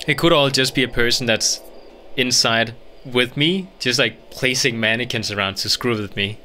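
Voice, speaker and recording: A male gaming streamer talks his way through a game in a bright, mid-pitched voice. He thinks aloud, rambling casually to viewers. A little background noise and game ambience sits behind him. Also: normal speed. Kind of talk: casual let's play commentary.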